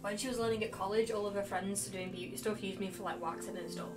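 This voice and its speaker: Talking fast with fairly even intonation, the streamer's mid-range voice rambles through a chatty livestream. She is young, sweary and self-mocking, and loud guitar-driven game music plays behind her.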